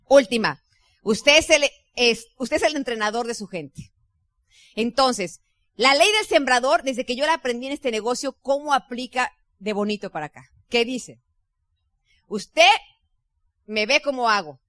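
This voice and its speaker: Bright-voiced Mexican woman coaching a crowd. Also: high-pitched, dry recording. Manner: chatty, lively, addresses the audience directly. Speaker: network marketing leader. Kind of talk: motivational business talk.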